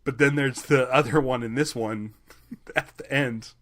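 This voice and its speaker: A man's voice: medium pitch, fairly even intonation, unhurried, a bit bright. A man co-hosting a podcast, chatting casually, laughing easily and hesitating now and then. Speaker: podcast co-host. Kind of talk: casual chat.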